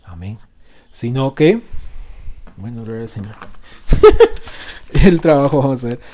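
A man preaching a sermon, asking the congregation questions and swinging between loud and soft. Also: mid-range voice, expressive, moderate pace. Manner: call-and-response with congregation.

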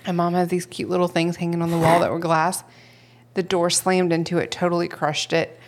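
A woman with a fairly low voice in casual podcast chat. She tells her story in an animated way and laughs often. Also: brisk. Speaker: podcast co-host.

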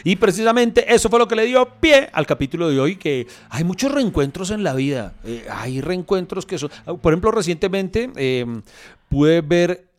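Male Colombian co-host, casual banter, very animated intonation, somewhat raised pitch. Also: normal speed. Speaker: podcast co-host. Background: faint music.

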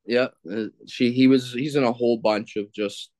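On a podcast, a film critic guest chats casually, fumbling through answers aloud, self-deprecating, and cursing at himself when stuck. His mid-range voice has a steady, darkish tone at normal speed, with no echo.

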